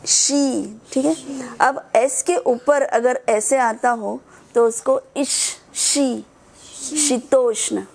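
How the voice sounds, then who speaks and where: A woman teaching children to pronounce Sanskrit verses, drilling syllables slowly and patiently. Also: high-pitched, fairly even intonation, vocal fry, darkish tone. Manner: slow, patient drilling of syllables, mixing English words. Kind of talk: online class teaching.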